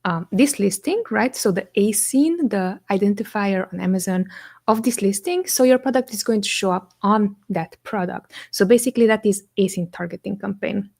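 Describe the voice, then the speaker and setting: Speaking English with some vocal fry, a young Romanian woman, a native speaker of Romanian, runs a live Q&A as an agency co-founder. Her pitch is middling for a woman, and she explains things step by step in a relaxed, chatty way, often stalling on "um" and asking "right?".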